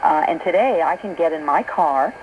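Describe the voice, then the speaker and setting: Her low-pitched, expressive voice runs at a moderate pace as this middle-aged American radio host chats through conversational late-night talk. She's informal and full of anecdotes, heard over a noisy shortwave recording.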